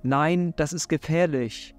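Taking it slowly in a slightly high voice, a Hamburg-accented man in his thirties speaks directly and earnestly to his viewers about faith, encouraging them from his living room. He runs a faith and self-help YouTube channel, and a desk mic in front of him catches his voice over faint background music.

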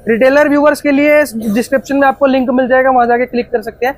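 Fast-talking high-voiced male vlogger. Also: fairly even intonation, low-quality recording. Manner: quick, eager questioning with many "hmm" and "okay ji" fillers. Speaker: market vlogger. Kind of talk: casual factory tour interview. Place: pillow factory floor, indoors.

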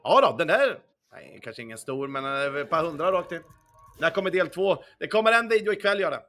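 A man's voice: a little high, expressive, a bit bright. Young man streaming, chatty, swearing. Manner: swears a lot and hums along to the music; answers viewer chat as he plays. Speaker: casino streamer. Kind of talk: casual livestream chat. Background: faint music.

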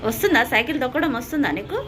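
A young woman speaks with a Telangana Telugu accent in a fairly high, bouncing voice. She coaxes her small child at home, asking the same questions again and again. A faint background hum sits under her voice. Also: lively intonation, very fast. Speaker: mother filming her child. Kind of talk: casual home vlog.

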